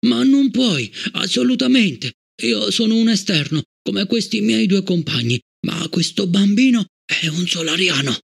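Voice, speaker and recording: A man's voice: a little high, lively intonation, normal speed, creaky, a bit bright, breathy edge, heavily acted. A man reading an audiobook, voicing an anxious, stammering elderly scholar who pleads breathlessly. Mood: pleading.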